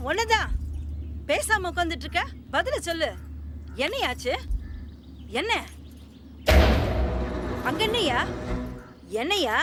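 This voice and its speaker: A woman's voice: very high-pitched, background noise, full character voice. An actress playing a middle-aged mother who wails and pleads while a wedding is being planned in a film scene. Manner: wailing, pleading. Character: anguished mother planning her child's wedding. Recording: film soundtrack, loud score behind.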